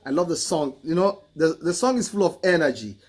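A middle-aged man with a husky voice, reacting to a song in casual commentary and repeating phrases for emphasis. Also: a little high, lively intonation, a little fast. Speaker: music reaction host. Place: indoor room, photo-covered wall. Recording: music playing faintly behind. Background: hip hop song.

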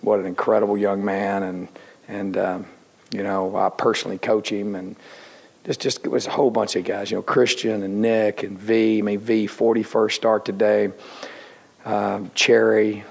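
A middle-aged football coach speaks into a table microphone in an indoor press room. His low voice is gravelly and stays fairly flat. He rambles, stopping and restarting his sentences around lots of fillers. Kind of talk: post-game press conference.

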